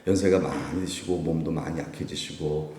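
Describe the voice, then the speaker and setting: A man in his fifties preaching a sermon at a Wednesday prayer meeting, conversational, with rhetorical questions and sudden jumps in pitch. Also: fairly even intonation, moderate pace, mellow, a little hiss or hum. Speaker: pastor. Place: church sanctuary. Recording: echoey church hall, mic from a distance.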